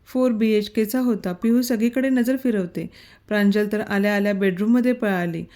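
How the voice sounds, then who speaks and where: A woman narrating a romantic story in a steady storytelling voice. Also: medium pitch, normal speed. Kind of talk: scripted narration.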